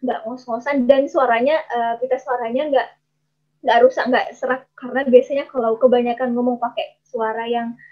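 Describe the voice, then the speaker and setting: A woman with a high, light voice leads a storytelling workshop, explaining each technique patiently. She talks to her listeners as friends and often pauses on small hesitation sounds. The audio is slightly dull and lo-fi. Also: flat delivery. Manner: explanatory, with frequent hesitation fillers. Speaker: storytelling trainer. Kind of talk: workshop presentation.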